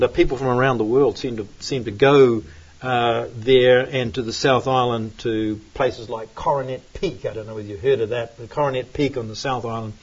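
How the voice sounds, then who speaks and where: New pastor guy chatting slow and rambly, husky voice, kinda dull lo-fi sound. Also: medium pitch. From New Zealand. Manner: rambling, hesitant, many fillers. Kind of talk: relaxed sermon chat and prayer. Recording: dull lo-fi recording.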